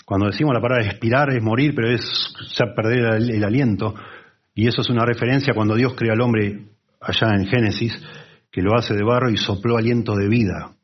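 A man preaching a conversational Bible sermon, with lively asides and acted-out quotes. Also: on the low side, a little fast, slightly rough, highs cut off.

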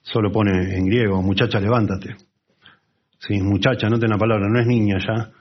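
Husky low-voiced preacher. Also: male voice, a little fast, highs cut off. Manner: lively, conversational, with asides and acted-out quotes. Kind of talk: expository Bible sermon.

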